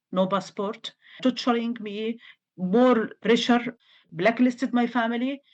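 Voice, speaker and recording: Earnest woman from Egypt, English. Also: mid-range voice. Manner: earnest, insistent, non-native English grammar. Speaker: interview guest. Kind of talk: interview answers.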